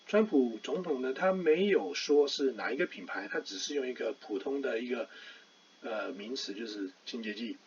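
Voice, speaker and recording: Husky man teaching English pronunciation. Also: mid-range voice. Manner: slow, syllable-by-syllable modeling of English words. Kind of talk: casual online lesson. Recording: distant, dull lo-fi voice.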